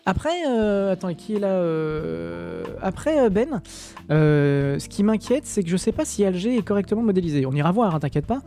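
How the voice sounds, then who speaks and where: Homme français à la voix haute. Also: male voice, high-pitched, big pitch swings, normal speed, mellow, soft background music. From France. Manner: chatty, joking, many hesitations. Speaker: streamer. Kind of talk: live-stream flight sim commentary, reading chat.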